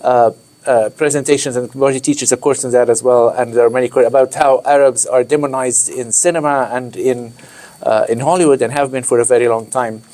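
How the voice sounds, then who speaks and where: Egyptian-born man giving a halting talk. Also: mid-range voice, fairly even intonation, warm tone. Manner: hesitant, many fillers and restarts. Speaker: director of a university study center. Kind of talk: informal talk to visiting students.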